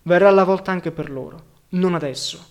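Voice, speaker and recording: A huge, gruff older worker in overalls, played by a male narrator, slow and grumbling as he counsels patience. The voice is raised and firm but stays close to a reader's own fairly high male tone.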